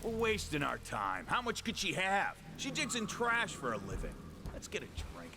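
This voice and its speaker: Impatient thug, wildly swooping pitch. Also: male voice, wildly swooping pitch, normal speed, heavily acted. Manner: grumbling, dismissive. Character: impatient, crude male gang thug. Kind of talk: video game character acting. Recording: distant, noisy game audio.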